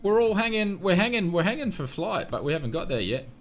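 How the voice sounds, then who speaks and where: An Australian man talks casually to his stream viewers, joking at his own expense. His pitch swings up and down a lot. Soft music plays faintly behind him. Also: very animated, fast. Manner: chatty, self-mocking, often laughing. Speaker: flight sim streamer. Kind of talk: casual live-stream chat.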